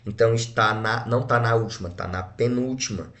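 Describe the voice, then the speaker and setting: Lowish-voiced Brazilian man teaching grammar. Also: fairly quick, a bit bright. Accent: Brazilian Portuguese. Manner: syllable-by-syllable explaining, checks in with frequent tag questions. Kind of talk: exam-prep grammar lesson.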